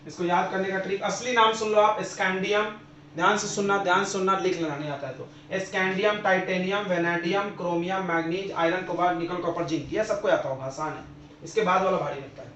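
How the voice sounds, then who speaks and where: High-voiced man teaching in an echoey room. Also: fairly even intonation, brisk, a bit bright, a little hiss or hum. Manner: drills students with repeated questions and answers. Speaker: chemistry teacher. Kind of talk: classroom lecture. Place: classroom. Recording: roomy, dull lo-fi classroom recording.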